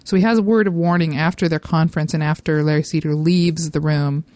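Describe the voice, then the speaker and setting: A woman's voice: deep voice, steady tone, fairly quick, darkish tone, dry recording. Casting note: woman podcast co-host, chatty recapper, dry close mic. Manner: chatty, explains plots at length. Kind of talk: casual TV recap chat.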